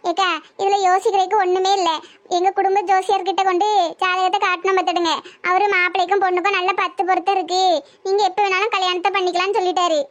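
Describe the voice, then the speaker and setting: A woman's voice: very high-pitched, little pitch movement, fast talker, muffled recording. A woman voicing a determined village mother who explains herself insistently, with a Tirunelveli Tamil accent, in a cartoon. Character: determined village mother marrying off her daughter.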